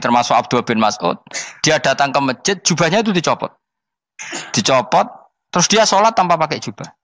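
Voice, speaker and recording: A man from Indonesia with a Javanese accent gives an informal sermon, blending explanation with storytelling in a conversational, teasing manner and often repeating himself to make a point. His voice is medium-pitched and fairly bright, with no room sound.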